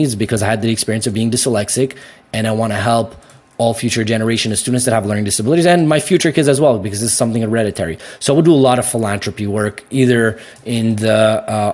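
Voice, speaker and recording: Animated Canadian man, low voice. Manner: animated, laughs easily, many restarts. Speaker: guest. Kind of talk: casual interview chat.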